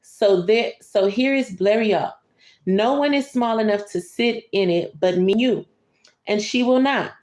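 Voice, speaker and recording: A woman reads a bedtime picture book to a young child in an echoey room, her mid-range voice darkish and measured. Between passages she slips into conversational asides, describing the pictures and talking to the listener.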